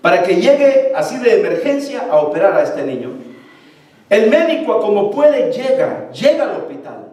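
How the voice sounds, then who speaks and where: A man's voice: sits high, big pitch swings, moderate pace, darkish tone. A man preaching a sermon, exhorting his congregation and repeating his points. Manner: repetitive, exhorting, addressing the congregation. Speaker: pastor. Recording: echoey hall from far off.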